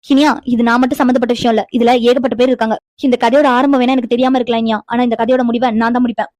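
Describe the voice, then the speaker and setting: A woman's voice: fairly high pitch, flat delivery, very fast, darkish tone, no echo, close to an everyday voice. A woman voicing an earnest, emotional young woman in a cartoon, an older-sister figure who speaks gratefully. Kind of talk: animated cartoon dialogue.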